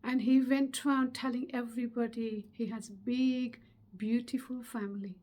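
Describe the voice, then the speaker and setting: A middle-aged woman giving a motivational webinar talk, earnest and emphatic, with many pauses. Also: on the high side, fairly even intonation, warm tone. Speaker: speaker.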